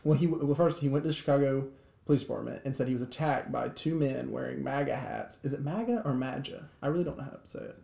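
A man's voice: mid-range voice, fairly even intonation, quick pace, gravelly, warm tone, roomy sound. A man co-hosting a podcast in casual chat, rambling with many restarts and fillers. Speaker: podcast co-host.

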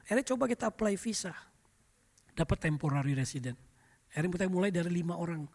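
A middle-aged male pastor preaching, telling lively anecdotes and often turning to address the congregation. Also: sits high, fast talker, long reverb tail. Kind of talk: storytelling sermon.

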